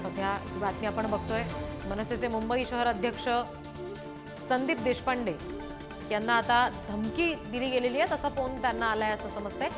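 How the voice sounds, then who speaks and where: A woman's voice: a little high, normal speed. A woman presenting live news as an anchor, introducing reports and clips. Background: news music.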